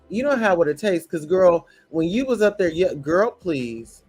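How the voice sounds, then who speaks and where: A man's voice: high voice, lively intonation, takes it slowly, a little mellow, husky, soft background music. A man ranting in a blunt, profane, preachy commentary reacting to a show.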